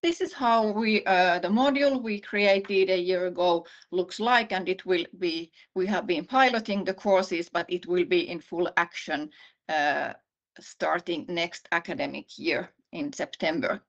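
In slightly muffled video call audio, a university vice-dean gives an online conference presentation with slides. She's a Finnish woman with a low voice whose measured delivery is full of "uh" pauses and false starts.

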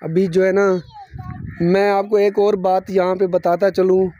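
A man's voice: sits high, flat delivery, measured pace, mellow, no echo, dull audio. A young man filming his family's house building outdoors, talking earnestly and devoutly to his viewers. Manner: earnest, devout, many religious phrases. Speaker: family vlogger. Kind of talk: casual vlog narration. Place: outdoors at a rural building site.

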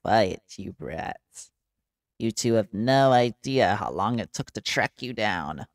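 A man voicing a snarky, boastful male bandit in a game, talking in a slow sneer. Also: lowish voice, lively intonation, creaky, no echo, studio quality, heavily acted. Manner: sneering, drawn-out.

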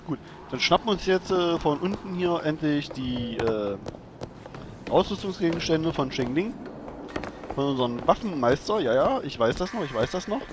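A man's voice: fairly high pitch, lively intonation, moderate pace, noisy background. A man hosting a let's play, giving casual gaming commentary in a chatty way and talking both to himself and to the game character.

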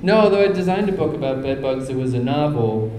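A man, a comedian guest on a live talk show, tells wry stories at a middle pitch. His voice carries the echo of a theater room, with faint ambient noise underneath. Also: lively intonation, quick pace, darkish tone. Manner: wry anecdotes, imitating others with laughs. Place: theater stage with live audience. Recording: roomy theater.

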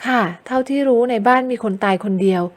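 A woman's voice: a little high, fast talker, pitched above the performer's own voice, natural voice. A woman voicing an anxious, sleepless young woman who speaks plaintively and politely in an audio novel. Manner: plaintive, polite ending particles. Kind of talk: audiobook character voice.

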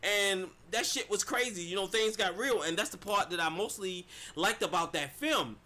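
A man giving a casual, animated movie review, swearing freely and talking straight to his viewers. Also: sits high, moderate pace. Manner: animated, swears a lot, addresses viewers as y'all.

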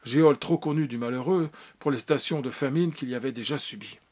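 A man reading a novel aloud as an audiobook, with expressive narration and occasional slips. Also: medium pitch, a little fast. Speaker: audiobook reader.

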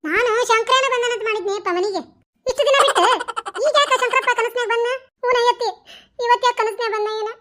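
Squeaky old village mom in a cartoon, north karnataka accent, wails n begs, bright piercing voice. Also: fairly even intonation, brisk. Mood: grumbling. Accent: North Karnataka Kannada. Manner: wailing, pleading. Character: old village mother, anxious and doting. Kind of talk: cartoon voice acting.

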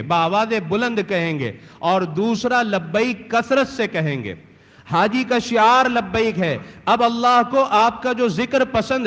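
A man's voice: high-pitched, a bit bright. A man from India giving an earnest, emphatic religious training lecture on Hajj to a gathered audience. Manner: earnest, emphatic, chants talbiyah slowly. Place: large hall with audience. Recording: reverberant hall.

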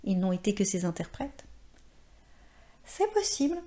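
A woman's voice: medium pitch, sing-song, measured pace, mellow. A woman voicing an earnest male admirer who coaxes an old actress, in a read-aloud short story. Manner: earnest, coaxing.

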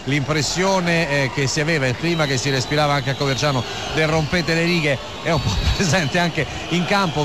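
A man giving live football analysis on the radio in wordy, hesitant phrases. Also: on the high side. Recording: noisy radio broadcast from stadium.

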